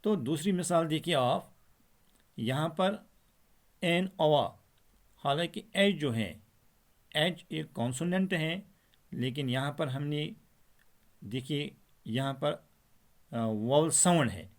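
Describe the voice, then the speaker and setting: Slow, patient male English teacher. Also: a little high. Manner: patient, repeats example words slowly. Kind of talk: slow explanatory lesson.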